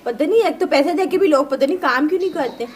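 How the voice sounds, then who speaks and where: A high-voiced Pakistani woman who vlogs from her village chats casually with viewers outdoors in a house courtyard, with slight background noise. She talks quickly and animatedly, keeps asking "right?", and re-enacts arguments.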